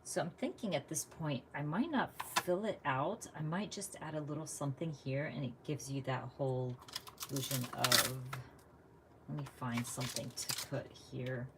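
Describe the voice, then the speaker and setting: With a very deep voice and a normal speaking speed, a US woman who vlogs about crafts talks casually as she works live. She laughs a lot and thinks aloud, with background noise behind her.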